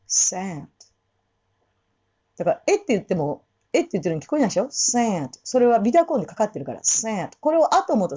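A woman gives a casual pronunciation lesson for singers, drawing out and repeating each sound as she explains it. Her voice is mellow and moves a lot in pitch. The audio is dull and muffled. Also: slightly rough. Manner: demonstrates sounds slowly, repeating words many times; many fillers, informal explaining. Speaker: English pronunciation teacher for singers. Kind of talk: casual spoken lesson with demonstrations.

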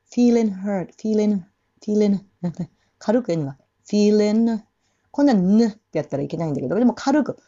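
A woman casually teaching English pronunciation for a song in Japanese, repeating and singing short English phrases slowly to demonstrate. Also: on the low side, warm tone, slightly rough, highs cut off.

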